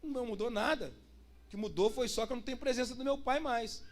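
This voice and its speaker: A man's voice: extremely high pitch, fast. A pastor, preaching a sermon and putting rhetorical questions to his congregation. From Brazil.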